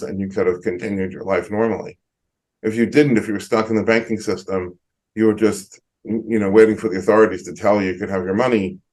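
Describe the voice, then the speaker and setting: A middle-aged man, an economist guest on a video call, explaining in a measured way with frequent ums. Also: on the low side, darkish tone, low-quality recording. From United States. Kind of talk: interview answers.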